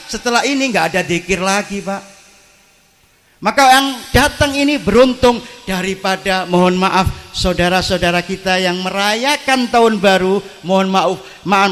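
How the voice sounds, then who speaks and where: A high-voiced preacher with an East Javanese accent tells funny stories from the pulpit. He talks straight to the crowd at an outdoor evening gathering, into a PA microphone. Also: fairly bright tone. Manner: storytelling, addresses the crowd. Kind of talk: humorous sermon.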